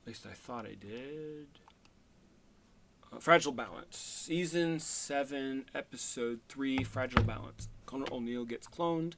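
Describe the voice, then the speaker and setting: A man's voice: medium pitch, fairly bright tone, slight background noise. Rambling, hesitant man talking to camera. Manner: rambling and hesitant, many fillers and restarts, enthusiastic. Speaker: video creator pitching fan ideas. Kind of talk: casual solo talk to camera.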